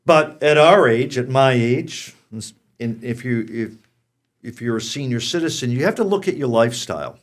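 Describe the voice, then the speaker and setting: A man's voice: medium pitch, expressive, normal speed. An American man in his sixties hosting a pet show, speaking conversationally and addressing the audience directly. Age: 60s. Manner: frank, direct address to viewers.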